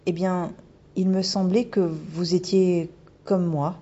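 Casting: woman doing a soft, dreamy male ghost, near her own voice, dull recording. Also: lowish voice, level tone, takes it slowly, slightly rough. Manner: soft, wondering, thoughtful. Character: gentle curious male ghost. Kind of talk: audiobook character voice.

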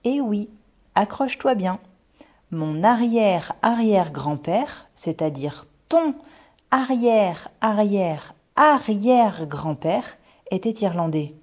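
A woman voicing a gentle mother who speaks in a teasing, mysterious way. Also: fairly low pitch, animated, moderate pace, slightly rough. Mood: playful. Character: gentle playful mother with a secret. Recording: dull lo-fi recording.

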